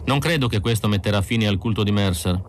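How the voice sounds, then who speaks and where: A male narrator voicing a detached young android woman who speaks in a flat, matter-of-fact way. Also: fairly low pitch, fast, slight background noise, natural voice. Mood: cool.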